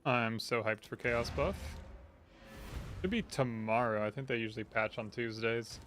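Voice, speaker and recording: A man's voice: medium pitch, normal speed, fairly bright tone, soft background music. A man giving casual, off-the-cuff livestream commentary while playing a video game. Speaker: game streamer. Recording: clearly noisy game ambience behind.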